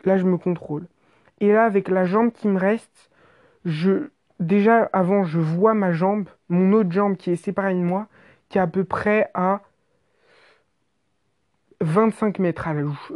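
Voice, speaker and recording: A woman narrating an exaggerated comic story in an animated, slangy way, with swearing. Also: mid-range voice, measured pace, muffled recording.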